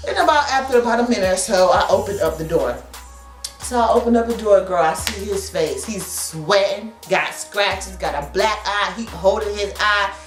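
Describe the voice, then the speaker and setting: A woman in her thirties telling an animated, chatty personal story to her viewers. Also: mid-range voice, normal speed, soft background music. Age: 30s. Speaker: vlogger. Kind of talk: casual storytime. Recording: echoey room.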